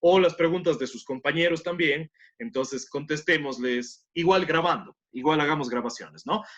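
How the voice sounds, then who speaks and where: Guy teaching english class, kinda high voice, lots of "very good", muffled lo-fi sound. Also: moderate pace, fairly bright tone. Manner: encouraging, repeats praise, switches between Spanish and English. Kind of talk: bilingual classroom instruction.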